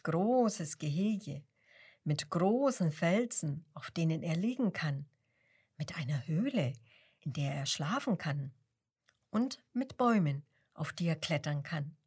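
A woman narrating a children's story in a gentle, expressive reading style. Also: lowish voice.

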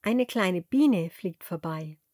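A woman narrating a children's story, speaking slowly and clearly and addressing the young listener directly. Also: on the low side, lively intonation, a little mellow, no room sound, clean studio sound.

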